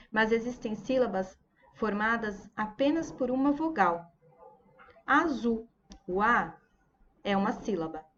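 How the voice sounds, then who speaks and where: A woman teaching a primary school video lesson, patiently addressing children and sounding out words slowly, syllable by syllable. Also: medium pitch, muffled recording, slight background noise. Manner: slow, deliberate syllable-by-syllable enunciation.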